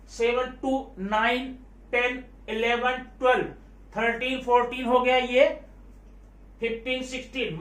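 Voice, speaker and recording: A man's voice: very high voice, a bit bright. A man teaching a Hindi grammar lesson, repeating each point and quizzing his students, with numbers counted in English. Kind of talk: classroom lesson explaining Hindi verse meter. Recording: echoey room, voice from a distance.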